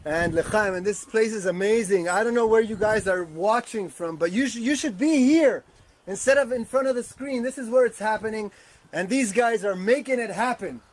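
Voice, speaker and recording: Earnest, animated Israeli man, high-pitched. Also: moderate pace, rough recording. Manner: earnest, animated storytelling with hesitations. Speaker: guest, activist. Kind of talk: casual roundtable talk.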